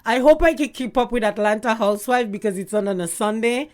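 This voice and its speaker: A woman's voice: fairly high pitch, a little fast, a little mellow. A middle-aged woman from Canada, a guest in a casual chat who tells stories in a chatty way and laughs often. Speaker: guest, YouTube gossip host.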